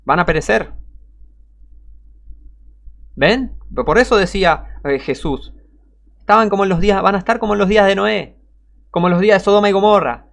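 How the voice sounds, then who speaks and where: Fiery preacher, scornful and combative. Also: male voice, moderate pace, gravelly, pauses often. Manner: scornful and combative, swinging from low mutters to loud warnings. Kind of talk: fiery sermon with Bible reading.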